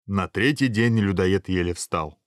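A man's voice: low voice, measured pace, no room sound. Man reading a fairy tale, dry close sound. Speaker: storyteller.

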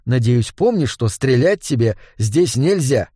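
Brief: a man reading as a prim elf, lively pitch, sniffy, dry sound. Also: unhurried, husky, no room sound. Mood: disapproving. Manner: prim and disapproving. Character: fussy, prim male elf, disapproving. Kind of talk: audiobook character voice.

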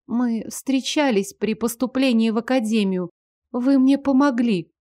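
Shy eager young waitress, soft and deferential, read by a woman; close dry sound. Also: a little high, a little slow, no echo, close to an everyday voice. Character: timid, eager young serving girl. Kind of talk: audiobook character voice.

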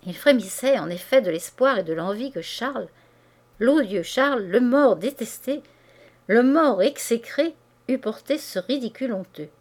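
A woman reads a classic novel aloud in measured, expressive literary narration. She takes the prose at an even, deliberate pace, letting each phrase land. Her tone is that of an experienced audiobook reader. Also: on the high side.

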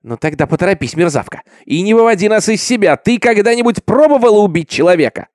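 A man putting on a cruel village mob in a spoken horror story, jeering and shouting threats. The voice is raised and swings widely in pitch, recorded dry and close. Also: animated, moderate pace, dry recording, lightly acted.

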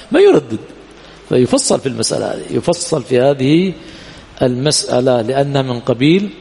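Guy teaching a class, high voice, asks questions and repeats stuff, echoey hall. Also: darkish tone. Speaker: teacher of Islamic law. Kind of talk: classroom lesson.

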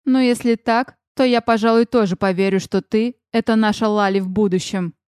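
A woman voicing a suspicious, sharp-tongued young fairy woman who speaks with mockery. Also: medium pitch, steady tone, a little fast, smooth, dry recording, clean studio sound, voice pushed down, natural voice. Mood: scornful. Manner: mocking, scornful.

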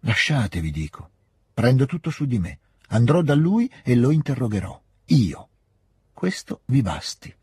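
A man's voice: low voice, slightly rough. A man doing a stern, weary old prince. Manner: slow, stern, reproachful.

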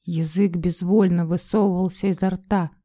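A woman narrating a dark first-person story as an emotional, tense audiobook reading. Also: on the low side, fairly even intonation, normal speed.

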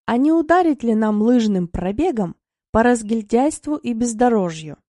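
Jovial husband in a storybook, voiced by a woman; warm tone, dry sound. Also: a little high, animated, normal speed, dry recording. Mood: teasing. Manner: teasing, jovial. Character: playful teasing husband, cheerful young man. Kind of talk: audiobook narration.

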